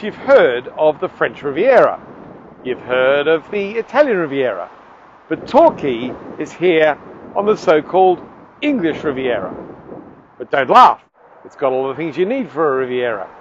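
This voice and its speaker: A man giving a playful, lively piece to camera outdoors by the seaside as a communications trainer, with a few hesitant fillers. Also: on the high side, dull audio, a little hiss or hum.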